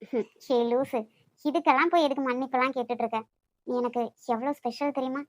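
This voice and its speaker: A woman voicing an outspoken, sharp-tongued young woman in an animated story. She speaks with a Nagercoil Tamil accent and talks in a quick, teasing, scolding way. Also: sits high, natural voice. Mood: tender. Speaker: voice actor for an animated love story. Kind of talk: cartoon voice acting.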